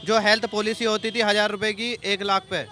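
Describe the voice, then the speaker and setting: A man's voice: sits high, flat delivery, a little fast, sharp tone. A man in a street interview criticises rising costs and explains his points one by one. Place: outdoors on a busy street.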